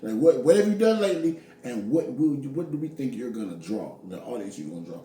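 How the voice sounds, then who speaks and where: A man's voice: mid-range voice, very animated, fast, warm tone. A man co-hosting a casual commentary chat, joking and rambling with many restarts. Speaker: co-host. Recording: echoey room, mic at a distance, faint noise.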